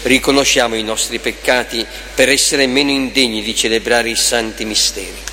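A man presiding as priest at Mass, praying in a solemn, measured and formal way in a large church with cathedral echo. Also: mid-range voice, steady tone, bright, forceful tone, slight background noise. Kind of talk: solemn liturgical prayer. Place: large reverberant church, congregation behind. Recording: long cathedral echo, crowd in background.

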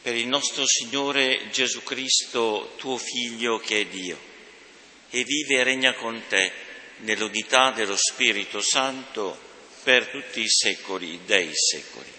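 A man's voice: medium pitch, unhurried, bright, forceful tone. A man leading a liturgical prayer as a priest, with an intoned, ceremonial delivery, in a church. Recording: roomy church reverb with hiss.

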